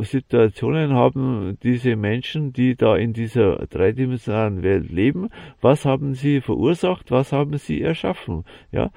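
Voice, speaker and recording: A man giving a slow, halting spiritual monologue, full of fillers and restarts. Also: medium pitch, vocal fry, dark tone, no echo, clean studio sound. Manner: halting, many fillers and repeated "ja"; slow, ponderous musing.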